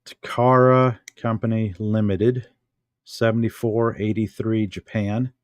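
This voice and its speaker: This casual home show-and-tell comes from a middle-aged American vlogger who handles objects and reflects aloud to himself at an easy pace. His fairly low voice has a flat delivery, captured in a dry, clean studio recording.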